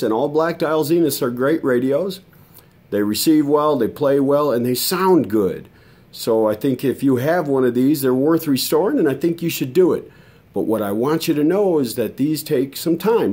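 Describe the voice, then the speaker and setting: A hobbyist radio restorer and video host, this American man chats to viewers in a folksy, conversational vlog style. His mid-range voice is husky with a dark tone.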